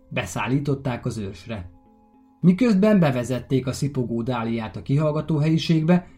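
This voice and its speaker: A man narrating a true crime podcast in a calm, measured way. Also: medium pitch. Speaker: podcast host.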